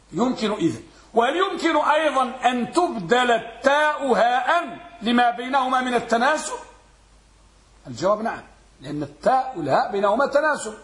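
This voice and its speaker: A man teaching Arabic grammar in a classroom, quizzing his students and repeating words slowly to drill them. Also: very high-pitched, fairly bright tone, reverberant. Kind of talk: classroom lesson with questions to students.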